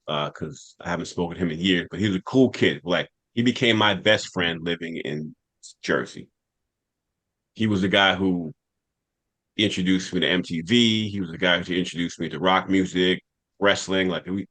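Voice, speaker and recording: A deep, slightly bright male voice with a New York accent, from the United States. He's a podcast host casually telling a rambling personal story from his childhood.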